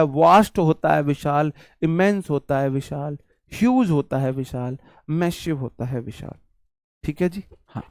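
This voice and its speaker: A man teaching vocabulary to an online class, his voice sitting a little high. He repeats each word several times and builds memory tricks, calling his viewers brother. The sound is dry and close, with no room around it. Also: darkish tone, clear, resonant tone, no echo.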